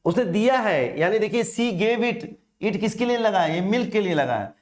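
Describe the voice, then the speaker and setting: Male grammar teacher, higher-pitched, deliberate, stretches out example words, asks and answers his own questions. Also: lively intonation, darkish tone. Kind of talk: exam-prep grammar lesson.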